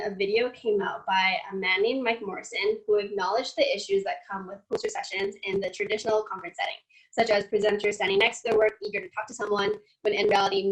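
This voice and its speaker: A woman's voice: mid-range voice, poor audio. A woman giving an online conference presentation, explaining slide by slide, her call audio cutting out with static. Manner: explains slide by slide, starting sentences with "so". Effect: audio cutting out with static on a video call. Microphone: computer mic on a video call.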